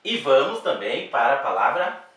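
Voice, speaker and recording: A man teaching a Portuguese grammar lesson for exam prep, speaking slowly and deliberately, repeating words and checking in with the class. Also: mid-range voice, big pitch swings, fairly bright tone. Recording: very echoey room, voice from a distance.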